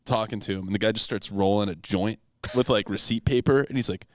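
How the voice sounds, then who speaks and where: A man on a podcast who jokes and reacts quickly, laughing often in casual chat. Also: on the low side, dry recording.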